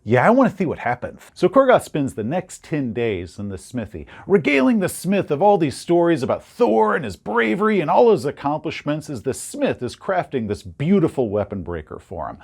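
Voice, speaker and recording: A man and game master recounting a tabletop session, acting out scenes in an animated storytelling style. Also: normal speed, vocal fry, hardly any pauses, husky. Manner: acts out scenes with sudden leaps in pitch.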